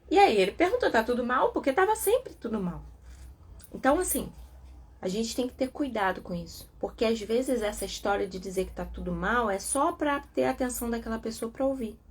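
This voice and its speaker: A Brazilian woman with a husky, slightly high voice hosts a casual live talk. She talks in an animated, rhetorical way and acts out the people she quotes. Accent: Brazilian Portuguese. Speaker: live talk host on codependency and couples. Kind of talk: casual live talk about a self-help book.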